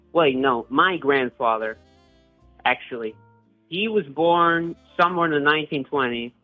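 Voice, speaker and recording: Young man on a tinny line. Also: fairly high pitch. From Puerto Rico. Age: young adult. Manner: hesitant, with frequent restarts and fillers. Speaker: interviewee. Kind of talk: casual personal storytelling. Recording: tinny phone-like line with faint guitar music.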